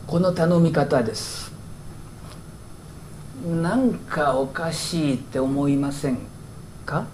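A man's voice: on the high side, a little mellow, a little hiss or hum. A male pastor giving a conversational sermon, explaining with rhetorical questions and asides.

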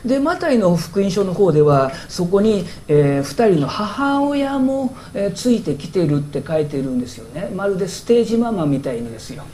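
A man's voice: sits high, very animated, normal speed, few pauses, dark tone, a little hiss or hum. A male pastor giving a conversational sermon, explaining with rhetorical questions and asides.

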